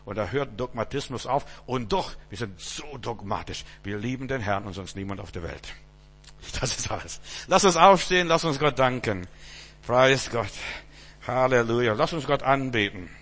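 A man preaching a sermon, swinging between loud emphatic bursts and low quiet asides. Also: lively intonation, moderate pace, in a large hall.

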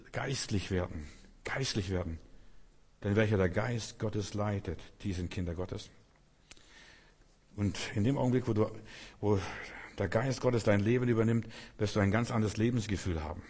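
Husky man preaching in a reverberant hall. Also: lowish voice. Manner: emphatic, repeats key phrases, acts out quoted voices. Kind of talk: sermon.

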